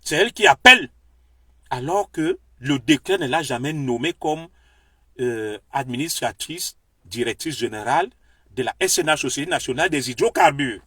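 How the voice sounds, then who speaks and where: The political commentator, a Cameroonian with a Beti French accent, addresses viewers directly in a fiery, declamatory lecture on politics. His voice sits on the high side and is expressive, sharp, and husky, moving at normal speed. The studio-quality recording has no room sound.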